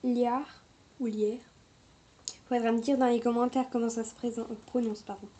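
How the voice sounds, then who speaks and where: A woman chatting casually through a makeup review, hesitant and quick to apologize, recorded on a camera mic at home. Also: on the high side, little pitch movement, warm tone. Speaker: beauty vlogger.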